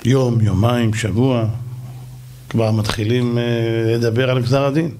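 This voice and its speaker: A man, a rabbi, delivering a sermon in animated, dramatic, colloquial storytelling. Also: medium pitch, slight background noise. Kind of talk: sermon with acted stories.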